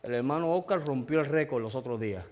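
A man's voice: mid-range voice, quick pace, darkish tone. A man preaching a sermon, telling a personal story and calling out to the congregation for an amen. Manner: emotional storytelling, calls out to the congregation.

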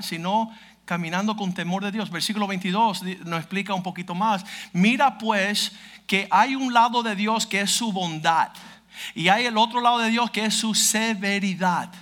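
Male pastor, high voice, bright and forceful, fiery sermon, blunt, mocking, bursts into shouts. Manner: mocking and humorous asides.

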